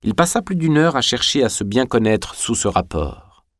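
A man narrating an audiobook in a measured, even reading voice. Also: medium pitch, no room sound, studio quality. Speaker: audiobook reader. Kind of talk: scripted narration.

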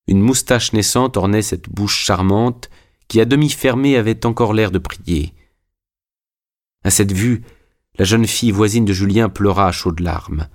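A man narrating a literary audiobook in a measured, even storytelling manner. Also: fairly low pitch.

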